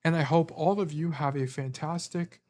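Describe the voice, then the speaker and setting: A game coach on stream, losing his voice, reviews gameplay in a casual, rambling fashion stuffed with fillers. His voice is a little high yet darkish in tone, steady, and delivered at normal speed.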